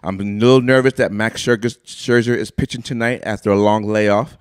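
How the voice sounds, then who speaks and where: A man's voice: on the low side, steady tone, brisk, clean tone, no room sound, studio quality. A man co-hosting a casual sports podcast, talking straight to his listeners with hyped-up energy. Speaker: podcast co-host. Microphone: studio microphone.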